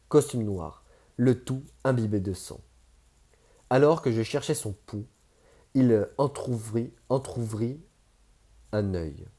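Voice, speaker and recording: A man narrating a first-person novel as an audiobook, measured and steady. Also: medium pitch.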